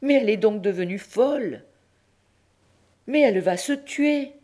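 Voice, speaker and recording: A woman voicing a kindly old pope who cries out in alarm, shrill and exclaiming. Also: expressive, a little slow, mellow. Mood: panicked.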